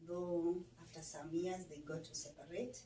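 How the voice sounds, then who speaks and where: A woman hosting her channel and telling her own story in a reflective, softly spoken, casual way. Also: on the low side, fairly even intonation, moderate pace. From Kenya, Nairobi. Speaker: channel host, interviewee. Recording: echoey room, mic at a distance, faint noise.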